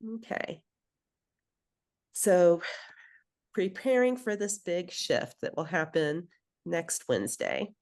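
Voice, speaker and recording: A woman's voice: on the low side, very animated, slow, pauses often, darkish tone. A woman who grew up in Belgium leads a group session as a program coach. She talks conversationally, fills her sentences with "like" and "um", and stops to ask the group for questions. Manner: conversational, many fillers, addresses the group.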